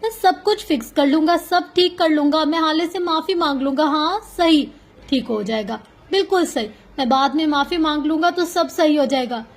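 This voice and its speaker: A woman's voice: high voice, normal speed, voice pushed up. A woman voicing a young man in shock, muttering to himself with guilt, in a novel reading. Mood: frantic.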